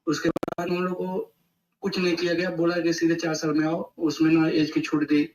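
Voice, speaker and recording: A man's voice: a little high, completely flat delivery, normal speed, darkish tone. A man calling in to a live online talk, pressing an earnest, repetitive complaint. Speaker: caller. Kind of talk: call-in question. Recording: far-off echoey line.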